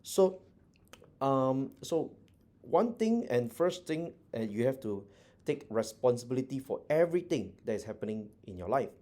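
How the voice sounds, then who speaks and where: A man's voice: mid-range voice, sing-song, normal speed, dark tone. A middle-aged man teaching a motivational class, earnest and repetitive with many fillers. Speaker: teacher and business mentor.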